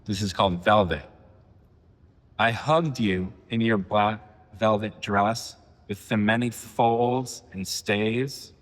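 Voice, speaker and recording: A man in his forties giving a poetry reading, with halting, filler-heavy asides between poems. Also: lowish voice, in a large hall. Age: 40s. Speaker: poet. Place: reading venue.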